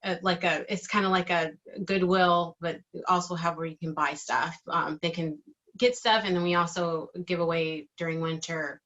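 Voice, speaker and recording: A middle-aged woman speaks in a bright, clear-edged voice that sits a little low. She answers interview questions casually, feeling her way through phrases and letting some trail away. The recording is somewhat dull and lo-fi. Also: fairly even intonation, moderate pace. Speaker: interviewee, digital marketing team member.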